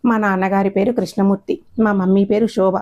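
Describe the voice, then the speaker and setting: A woman's voice: mid-range voice, little pitch movement, a little fast, a little mellow, highs cut off, lightly acted. A woman voicing a tearful young daughter who pleads plaintively. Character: young adult daughter, tearful and longing for her father.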